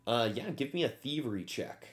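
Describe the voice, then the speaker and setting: Expressive man running a tabletop game. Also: mid-range voice, normal speed. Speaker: game master.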